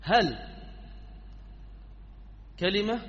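High-voiced man teaching in an echoing hall. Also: animated, very slow, fairly bright tone. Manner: quizzing, prompting students with repeated questions. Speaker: grammar teacher. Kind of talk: classroom lesson with questions to students. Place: classroom. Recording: dull lo-fi sound in a reverberant hall.

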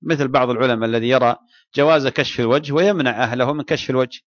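A man, an Islamic scholar, answering listeners' questions in a religious lecture, measured and deliberate with frequent restarts. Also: medium pitch, dry recording, dull audio.

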